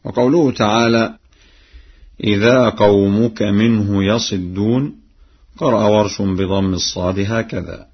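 A man teaching the readings of the Quran, explaining each variant plainly and then chanting the verse slowly to demonstrate it. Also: lowish voice, steady tone, slightly rough, highs cut off. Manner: alternates plain explanation with slow chanted recitation.

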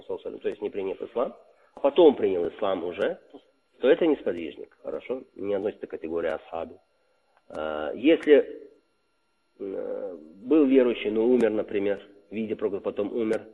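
A man's voice: on the low side, husky. A man giving a religious lesson, posing rhetorical questions and answering them himself while repeating key terms. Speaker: religious teacher. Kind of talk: religious lesson explaining a text. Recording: reverberant hall over a tinny phone-like line.

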